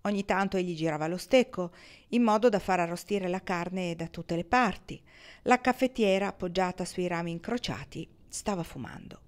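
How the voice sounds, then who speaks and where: A woman narrating a novel as an audiobook reader, measured and expressive. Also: fairly low pitch.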